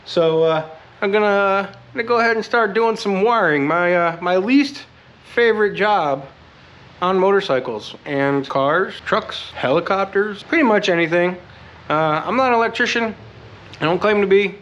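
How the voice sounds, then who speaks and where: Guy a bit on the higher side, feeling sick, chatting thru a diy repair video, kinda halting and low key. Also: fairly bright tone, lo-fi sound. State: under the weather, sick with a cold. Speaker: host of a DIY motorcycle repair channel. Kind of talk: casual how-to vlog talk.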